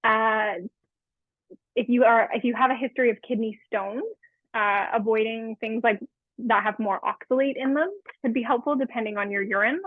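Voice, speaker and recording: A woman's voice: on the high side, steady tone, moderate pace, no echo. A woman in her thirties, a dietitian, explaining nutrition in a friendly way with many fillers during a live webinar cooking demo. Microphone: remote webinar call. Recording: tinny phone-like webinar audio.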